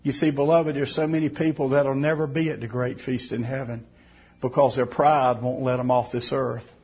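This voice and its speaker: A man delivers a heartfelt sermon in a husky, slightly breathy voice of ordinary pitch. He builds to emphatic, raised phrases, then drops low and quiet to press a point home. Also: little pitch movement, moderate pace. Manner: fervent, rising to emphatic bursts then dropping soft. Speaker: preacher.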